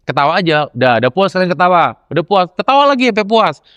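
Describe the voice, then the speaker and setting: A young adult man, a lecturer telling classroom stories in casual chat, acting out quoted lines with animated jumps in pitch. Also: fast, dry recording, lo-fi sound. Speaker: lecturer and podcast guest.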